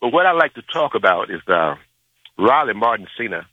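Husky man calling in by phone. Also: lowish voice, sing-song, brisk, no echo. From Jackson, Mississippi. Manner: rambling, with many "uh" and "you know" fillers. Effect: phoned-in voice on a radio show line. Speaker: radio show caller. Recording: tinny phone line.

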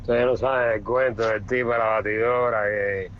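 A man's voice: medium pitch, fairly even intonation, normal speed, dull audio, slight background noise. A man on a radio show telling a joke, acting out the voices in it. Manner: storytelling, acts out voices. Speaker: radio co-host.

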